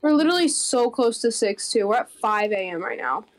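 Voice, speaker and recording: A woman chatting casually during a game with friends, loud with frequent laughs. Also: a little high, animated, fairly quick. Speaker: game player. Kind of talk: casual gaming chat.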